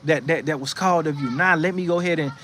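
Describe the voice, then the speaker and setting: Here a man with a fairly high, fairly bright voice talks at a quick pace, with slight background noise present. He's in a rocking chair on his porch outdoors, hosting a faith livestream, reading the chat and offering casual spiritual encouragement. The delivery is preachy and conversational, with frequent restarts and repeated "you know what I'm saying."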